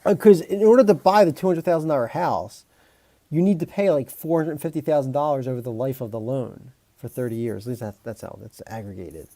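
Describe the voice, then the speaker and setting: A man's voice: medium pitch, brisk, mellow, no echo. A man streaming as a composer, chatting casually with viewers in a rambling, joking way, with restarts, fillers and mild swearing. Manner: rambling, talks to chat, frequent restarts and fillers. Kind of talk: casual live-stream chat.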